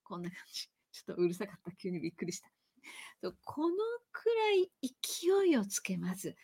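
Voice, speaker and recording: A woman hosting a live-stream lesson on reading aloud, talking with lively emphasis, stretching some words and rushing through asides. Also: medium pitch, breathy edge. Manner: lively and animated, with sudden loud chanted demonstrations.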